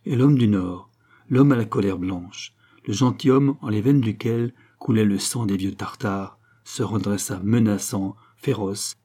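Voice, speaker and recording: Man, audiobook narrator, husky, dark low voice, measured dramatic reading.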